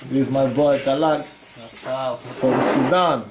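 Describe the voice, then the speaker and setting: A man's voice: mid-range voice, steady tone, takes it slowly. A jovial man from Liberia, speaking English, who laughs often while introducing a friend. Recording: noisy kitchen clatter, distant mic.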